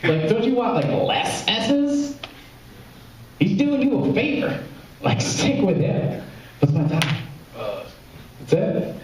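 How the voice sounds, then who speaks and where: A young stand-up comedian from Memphis, Tennessee, US, works a small club's open mic with a live audience, rambling, cutting into his own jokes and laughing at them. His high voice swoops wildly in pitch, and he takes it slowly with frequent pauses. There is slight background noise, and the audio is very echoey and recorded from a distance.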